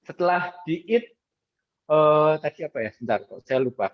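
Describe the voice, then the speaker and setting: A man's voice: on the high side, lively intonation, moderate pace, no echo. A man casually explaining a group ice breaker on a video call, chanting the lyrics as he demonstrates. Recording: dull lo-fi video call audio.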